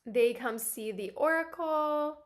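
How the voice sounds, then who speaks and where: Woman, live streamer, reading a webtoon aloud, giggly reactions, slightly high voice. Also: takes it slowly.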